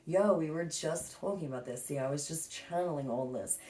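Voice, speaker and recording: A woman with a low voice talks through a tarot reading in a loose, rambling way, stopping and restarting her thoughts. Her voice bounces around an echoey room. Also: a little fast, dark tone. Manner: rambling, filler-heavy, self-correcting. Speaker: tarot reader. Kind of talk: casual spiritual reading monologue.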